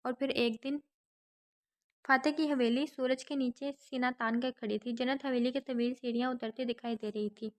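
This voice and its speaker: Higher-voiced woman narrating a novel. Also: fairly even intonation. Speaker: audiobook narrator.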